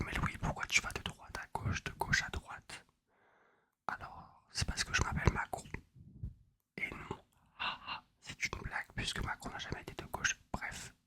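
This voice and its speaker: A young man whispers a rambling, wry, self-mocking ASMR chat close to a binaural microphone. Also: pushed and bright. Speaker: ASMR video host. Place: apartment at night. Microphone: close binaural USB microphone.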